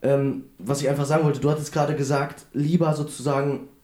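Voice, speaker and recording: Young man with roomy, mellow voice. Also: a little high, little pitch movement, brisk. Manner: enthusiastic, youthful slang. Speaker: podcast co-host.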